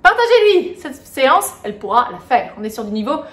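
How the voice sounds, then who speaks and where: A woman's voice: fairly high pitch, expressive, brisk. Upbeat woman coaching a workout. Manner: upbeat, counts reps, checks in on listeners. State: moving while exercising. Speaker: fitness coach. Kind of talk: live workout instruction. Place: indoor room with a window. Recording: echoey room, mic at a distance.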